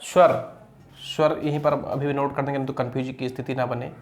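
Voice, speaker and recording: A young male teacher leads an exam-prep grammar lesson at a middling pitch. He repeats key phrases and keeps checking that his students follow. When he recites the rules, he slows right down. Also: little pitch movement. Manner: recites Sanskrit sutras slowly.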